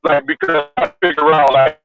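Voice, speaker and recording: Man, breaking-up call audio, tinny phone-like sound, halting repeated words, casual. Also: on the high side, steady tone. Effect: choppy breaking-up call connection. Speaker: community activist panelist. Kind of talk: casual panel discussion. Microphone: phone on a remote call. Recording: tinny, breaking-up phone line with faint music.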